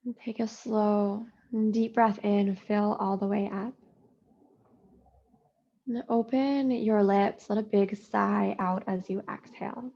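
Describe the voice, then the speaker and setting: A woman yoga teacher leading a slow guided practice, soothing and unhurried with long pauses. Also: mid-range voice, steady tone, vocal fry, dark tone, lo-fi sound.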